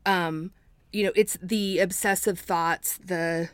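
A woman's voice: lowish voice, steady tone, takes it slowly, clear, resonant tone, no room sound. A woman in her forties, a podcast guest talking casually in a chatty, rambling way with side notes. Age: 40s. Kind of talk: casual chat.

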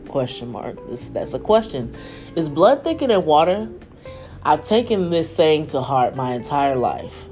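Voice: mid-range voice, a little mellow. A podcast host reading their own essay aloud as a candid, emphatic personal monologue, breaking off for off-the-cuff asides.

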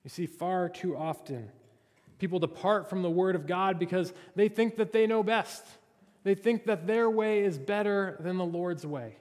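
A male pastor with a voice high for a man delivers an earnest, expository sermon at normal speed, his tone a little mellow. The long, ringing reverb of a church sanctuary fills the recording.

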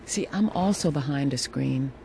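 A sultry-voiced woman hosts a casual solo podcast as an encouraging check-in, speaking into a phone at home. Her voice is rumbling low, gravelly and warm at a moderate pace, reassuring and full of repeated phrases. The low-quality recording carries a faint air conditioner hum.

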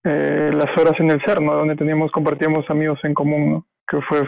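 A man, his voice a little high and gravelly. He talks in a flat, hesitant way, full of fillers and restarts, recorded dry and close. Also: brisk, no room sound, poor audio. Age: 30s. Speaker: podcast guest. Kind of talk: casual podcast chat.

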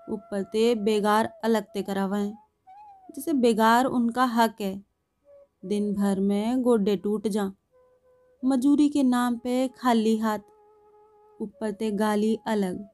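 A woman's voice: a little high, darkish tone. A woman voicing a plain-spoken working father, with a homely, complaining way of talking. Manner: homely, matter-of-fact, complaining.

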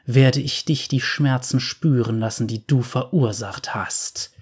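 A man's voice: mid-range voice, unhurried, a little mellow, husky. A man voicing a veiled female spirit, cold and stern, in a storybook reading. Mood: menacing. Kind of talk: storybook narration.

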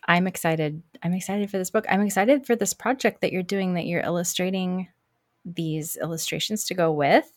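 A woman with a fairly low voice hosts a podcast at a moderate pace, casually chatting with a guest in a warm, gushing way and restarting her sentences now and then. The studio-quality recording has no echo.

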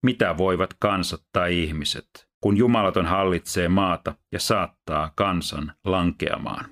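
Male scripture reader, deep low voice, steady measured pace. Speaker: Bible reader and teacher. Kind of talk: scripture reading.

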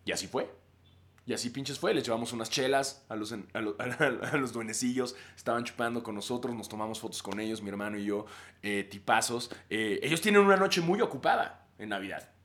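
A man's voice: mid-range voice, fairly quick. A man in his thirties with a Mexican accent, a podcast host telling a story casually with lots of slang and laughter. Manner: animated, slangy, laughs often.

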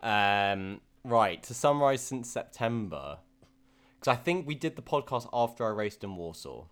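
A man's voice: medium pitch, expressive, unhurried, fairly bright tone. A young man co-hosting a podcast, telling his race stories candidly with lots of fillers and restarts. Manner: candid storytelling, many fillers. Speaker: podcast co-host. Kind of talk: casual podcast chat.

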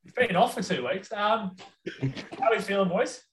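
A man's voice: sits high, normal speed, slight background noise. A man with an Australian accent hosting a casual sports chat. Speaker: podcast host. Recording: roomy echo, distant microphone.

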